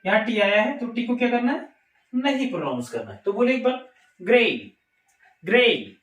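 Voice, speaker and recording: A man's voice: extremely high pitch, very animated, fairly quick. A man with an Indian accent teaching an English lesson to a class, asking questions and answering them himself. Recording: echoey room.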